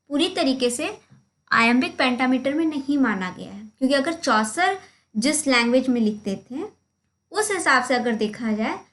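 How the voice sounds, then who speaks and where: A woman gives a recorded lecture over slides. Her voice sits high, and she explains slowly and methodically, sounding out each stressed and unstressed syllable. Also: a bit bright. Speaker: literature teacher. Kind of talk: slide lecture in Hindi mixed with English.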